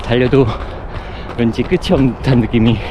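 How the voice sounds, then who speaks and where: A man records a reflective running vlog outdoors, with clear urban noise around him. He talks while running, in short broken phrases and at a medium pitch. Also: fairly quick. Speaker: running vlogger. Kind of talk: reflective casual vlog monologue. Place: outdoors on city running paths.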